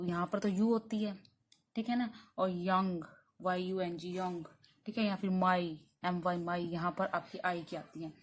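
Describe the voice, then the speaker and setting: A woman's voice: medium pitch, a little mellow. Hindi-speaking woman teaching pronunciation. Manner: explains step by step, often asks and answers her own questions; drills sounds slowly with frequent 'theek hai' checks. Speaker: spoken English teacher. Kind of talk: classroom lesson.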